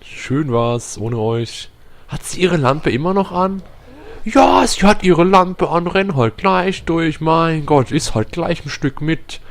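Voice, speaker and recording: A man's voice: a little high, lively intonation, slow, creaky. A young man commentating a video game, swearing and mocking the characters. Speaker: gaming YouTuber. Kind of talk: let's play commentary.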